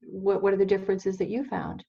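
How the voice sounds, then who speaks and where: A woman's voice: mid-range voice, level tone, fairly quick, gravelly, mellow, slightly rough, dull audio. A woman who works as a psychotherapist, a guest chatting casually and asking plenty of questions. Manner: chatty, asks many questions. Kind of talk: casual conversation.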